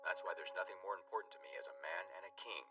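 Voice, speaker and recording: A man's voice: low voice, expressive, very fast. A man voicing a heartfelt middle-aged king speaking earnestly as a father in an anime dub. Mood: tender. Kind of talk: anime English dub acting. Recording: distant voice over loud music.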